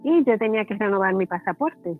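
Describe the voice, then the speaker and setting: A woman's voice: mid-range voice, lively intonation, a little fast, soft background music. Puerto rican lady telling a story, friendly, sounds like she's on a phone line. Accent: Puerto Rican Spanish. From Puerto Rico. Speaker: guest entrepreneur. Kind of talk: casual interview chat.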